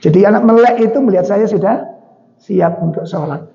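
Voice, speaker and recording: Javanese-accented preacher, high voice, hall reverb. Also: male voice, a little fast, gravelly, dark tone. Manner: chatty storytelling with questions to the audience. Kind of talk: mosque sermon. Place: mosque hall. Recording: dull sound with long hall reverb.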